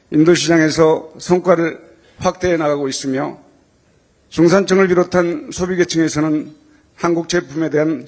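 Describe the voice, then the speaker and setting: Male, fairly high voice, community leader reading a ceremonial welcome address, earnest and respectful. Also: a little mellow. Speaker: Korean community association president giving a welcome address. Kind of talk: formal prepared speech.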